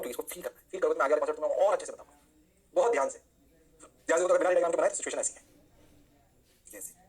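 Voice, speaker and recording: A man teaching an energetic physics lecture, often answering his own questions in a student's voice. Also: mid-range voice. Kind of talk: online lecture.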